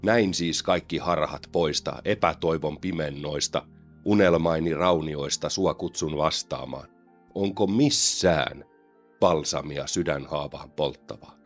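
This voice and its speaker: Very deep-voiced man reciting gothic poetry. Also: soft background music. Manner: slow, solemn, measured delivery. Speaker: poetry reader.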